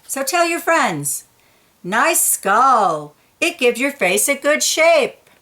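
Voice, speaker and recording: In a high voice, a woman reads from a children's picture book with expressive, deliberate delivery and playful emphasis on key words.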